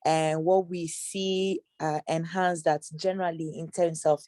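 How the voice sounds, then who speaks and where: Woman from Ghana, low voice, dry sound, measured and hesitant, interview answers. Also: little pitch movement, dark tone, no echo. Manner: measured, hesitant, many fillers. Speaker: anti-trafficking outreach worker.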